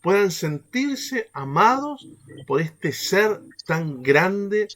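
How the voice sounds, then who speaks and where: Lively man leading a faith workshop. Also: high voice, drawn-out words. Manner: animated, keeps checking in with the group through rhetorical questions. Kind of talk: teaching a catechesis workshop.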